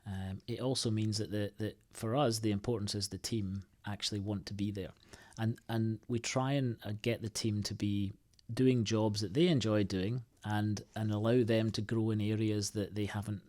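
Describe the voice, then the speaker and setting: A man from the United Kingdom, a guest on an interview show, answering in a halting, thoughtful way with many restarts and fillers. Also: fairly low pitch, steady tone, a little mellow. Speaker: podcast guest, IT consultancy co-founder.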